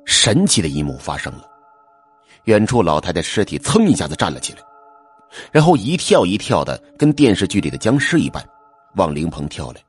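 A man narrates a spooky folk tale in a low, husky voice. His delivery is animated, rising and falling widely. Faint music runs underneath him. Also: fairly quick. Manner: lively, switches into character voices for dialogue. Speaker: storyteller. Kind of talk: audiobook narration with acted dialogue.

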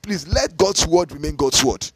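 A male preacher delivering a podcast sermon in a gravelly, husky voice pitched a little high. He preaches emphatically, repeats phrases for weight and affirms himself with short "yes" and "aha" interjections. The sound is dry and close to the mic. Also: animated, normal speed, a bit bright, no room sound. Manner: speaks in tongues at times.

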